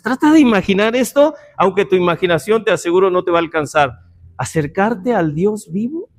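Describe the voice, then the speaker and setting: A man teaching a Bible class in a church room, talking conversationally with joking asides and rhetorical questions to his listeners. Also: sits high.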